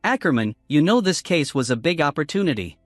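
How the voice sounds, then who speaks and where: Narrator doing scheming official, forced calm, measured words, dry voice-over, faint music. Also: male voice, fairly high pitch, dry recording. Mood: guarded. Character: scheming guarded male society official.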